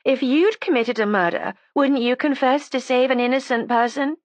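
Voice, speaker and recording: A sharp, resentful young woman whose audiobook voice rises high against the plain narration, sarcastic and combative. A woman reader puts her on in a dry, close recording. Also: moderate pace, no echo, lo-fi sound, natural voice. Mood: defiant. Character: defiant resentful young woman making a false confession. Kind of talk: audiobook character voice.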